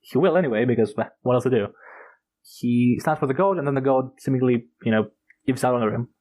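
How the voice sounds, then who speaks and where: A man co-hosts a casual podcast about fantasy novels. His voice sits at an ordinary middle pitch, and he talks in a loose, rambling way. He gets worked up about the story and peppers his talk with "like", "you know" and the occasional curse. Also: fast, dark tone, low-quality recording. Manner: rambling and enthusiastic, with frequent fillers and swearing. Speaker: podcast co-host. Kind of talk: casual book discussion.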